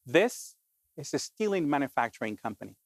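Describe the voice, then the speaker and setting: A middle-aged man from Colombia giving an animated, emphatic talk to an audience as a keynote speaker, often saying "basically". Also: fairly high pitch, fairly quick, no echo.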